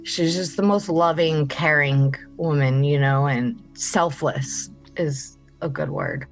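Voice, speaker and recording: A woman interviewed as a close friend, telling animated anecdotes in casual talk. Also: low-pitched, takes it slowly, soft background music.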